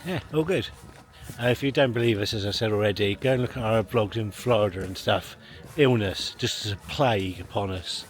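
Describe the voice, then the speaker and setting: A low-voiced, brisk man chats casually to camera for a family vlog, rambling and chatty with chuckles between remarks. He starts outdoors in a car park and moves on to a leisure pool, with loud background noise on the handheld recording.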